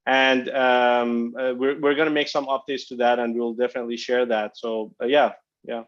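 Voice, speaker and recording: On a dull, lo-fi conference phone line, a male company executive answers analysts' questions in a flat, medium-pitched voice at normal speed. He sounds hesitant, full of fillers and restarts.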